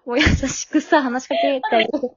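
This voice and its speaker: A woman's voice: high voice, fairly even intonation, normal speed. A young woman co-hosting a podcast, chatting casually with a friend in slangy, informal speech. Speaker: podcast co-host. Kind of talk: casual chat between friends. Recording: dull, lo-fi close recording.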